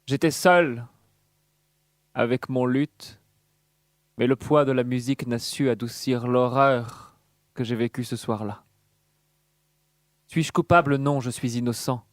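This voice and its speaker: A man acts out an earnest bard in a tabletop role-playing game. The delivery is hammy and declamatory, full of melodrama, in a mid-pitched male voice with a very dry sound. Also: fairly even intonation, takes it slowly, pauses often, no echo, lightly acted. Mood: melodramatic, pleading.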